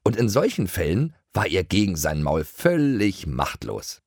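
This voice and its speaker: A man reading a children's audiobook in a lively storytelling way, recorded close on a studio mic. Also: low voice, unhurried, no echo. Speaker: audiobook reader. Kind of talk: scripted children's audiobook narration.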